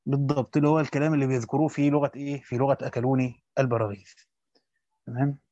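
A man's voice: mid-range voice, little pitch movement, very fast, warm tone, dry recording, highs cut off. A man teaching Quran commentary, reading the text aloud and then explaining it in colloquial asides.

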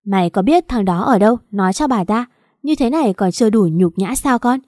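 A woman's voice: medium pitch, animated, darkish tone, dry recording, clean studio sound, close to an everyday voice. A woman doing a stern gray-haired older father. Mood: angry. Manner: stern, hurried, reproachful.

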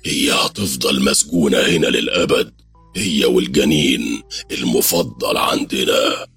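A man with an Egyptian accent voicing a sly, cruel male devil who speaks slowly and gloatingly. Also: rumbling low, creaky, a bit bright, faint music behind, exaggerated voice. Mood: menacing. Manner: slow, menacing, gloating.

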